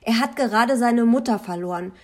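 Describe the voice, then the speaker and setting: A woman's voice: fairly high pitch, measured pace. A woman voicing a young woman who argues angrily in an audiobook. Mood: indignant. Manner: angry, shouting. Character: furious young woman fighting for a boy.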